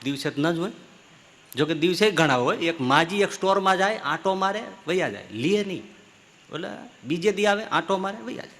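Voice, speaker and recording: A man giving a religious discourse as a swami, telling stories and acting out the people in them with big swings of pitch and loudness. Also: lively intonation, moderate pace. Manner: acts out story characters with swings of pitch and loudness. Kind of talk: sermon with storytelling. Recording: long hall reverb.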